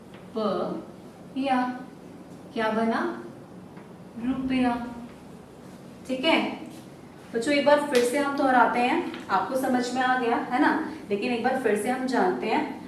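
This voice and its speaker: Woman primary teacher, slow coaxing delivery, slightly high voice, echoey room, mic a few feet off. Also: fairly even intonation, distant mic, a little hiss or hum. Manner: slow, drawn-out syllables, coaxing questions answered herself. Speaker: primary school Hindi teacher. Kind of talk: recorded online lesson for young children.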